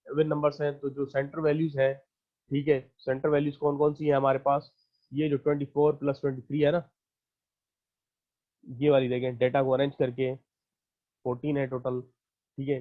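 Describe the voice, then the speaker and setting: A man's voice: medium pitch, lo-fi sound. A man teaching an online math class. He explains each step patiently, counts the items aloud and checks in with his students again and again.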